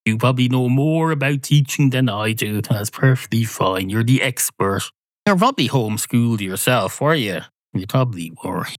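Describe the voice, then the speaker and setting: A man's voice: mid-range voice, animated, normal speed, no room sound. Dry, sardonic Irish man. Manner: dry, sardonic, mock-earnest asides. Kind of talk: comic monologue.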